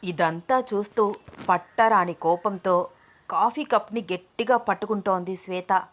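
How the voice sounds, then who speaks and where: A woman's voice: medium pitch, measured pace, fairly bright tone. A woman narrating a romantic audio story, voicing every character's dialogue herself. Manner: acts out all characters' dialogue in her own voice.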